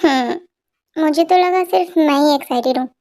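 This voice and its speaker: A woman's voice: high voice, normal speed, darkish tone. A woman voicing a young newlywed bride who protests and insists, in a fan-dubbed story. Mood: flustered. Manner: protesting, flustered. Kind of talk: Hindi fan dub storytelling.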